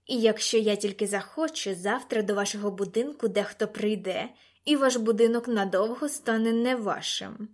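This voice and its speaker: A woman's voice: medium pitch, moderate pace, lightly acted. A woman reading an audiobook and voicing a sly, rat-faced male villain who hisses his threats with gloating zeal.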